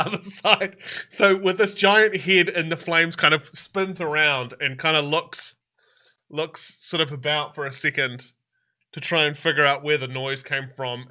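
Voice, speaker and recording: A man's voice: on the high side, pushed and bright. A man running a tabletop game as game master, narrating scenes in a rambling way with many fillers.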